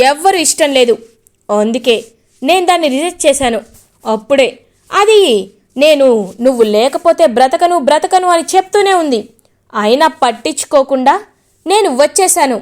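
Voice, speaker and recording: A woman puts on a defiant young man in a serial recap. He talks back with taunting insistence, his voice pitched high and light. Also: expressive, normal speed, long pauses, a little mellow.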